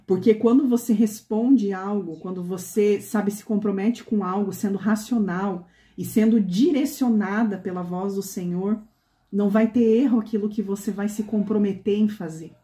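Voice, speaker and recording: A woman's voice: mid-range voice, normal speed, dark tone, reverberant. A woman pastor preaching a conversational sermon to a women's meeting, often asking the women questions.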